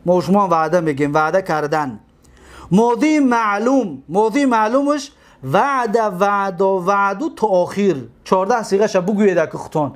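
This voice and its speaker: Tajik-accented man teaching, high voice. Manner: drills forms slowly, asks and answers his own questions. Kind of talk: classroom lecture, explaining grammar.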